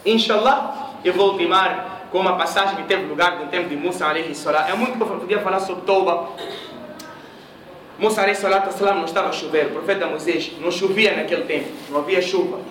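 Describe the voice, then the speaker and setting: High-voiced preacher in an echoey mosque hall. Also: male voice, fast talker, fairly bright tone. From Mozambique. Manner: storytelling with quoted voices, questions to the audience. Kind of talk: sermon. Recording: echoey room, voice from a distance.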